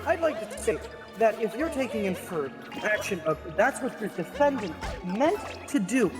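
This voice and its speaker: A man's voice: high-pitched, big pitch swings, normal speed, music in the background. A man using a cathedral reverb voice mod while playing a stern mock prosecutor in an improvised trial roleplay. He stammers and repeats words as he scolds.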